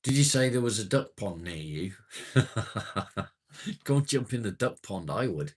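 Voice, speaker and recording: This is a man in his late forties hosting a casual livestream where he reads viewer comments, chatting in a matey way and sometimes swearing. His fairly low voice is expressive and moves at a moderate pace.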